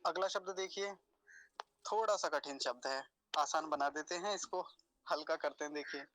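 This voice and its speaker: High-voiced man teaching Sanskrit pronunciation. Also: fairly bright tone, no room sound. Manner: patient, repeats syllables slowly and deliberately; explains step by step. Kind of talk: pronunciation lesson.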